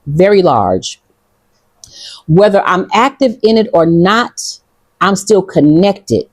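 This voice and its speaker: Talking to her viewers outdoors in Ghana, the Detroit-accented vlogger is casual, blunt, defiant and profane. Her low-side voice swings widely in pitch at a slow pace, and the recording is dry.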